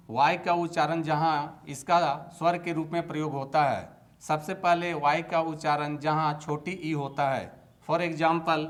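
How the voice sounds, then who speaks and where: A man teaching English pronunciation in Hindi, saying each example word slowly and separately, one word at a time. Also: fairly high pitch. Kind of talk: slow, deliberate Hindi lesson, reading out word lists.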